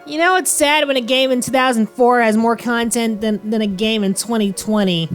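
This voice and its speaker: A woman's voice: fairly high pitch, steady tone, moderate pace, soft background music. A woman giving casual, dryly teasing banter as co-commentator on a video game playthrough. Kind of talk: casual let's-play banter.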